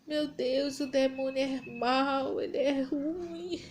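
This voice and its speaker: A woman's voice: sits high, steady tone, takes it slowly, a little hiss or hum. A woman giving a fervent, repetitive religious testimony, breaking into prayer as she tells it. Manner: fervent, repetitive, prays aloud mid-story. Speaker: church member giving testimony.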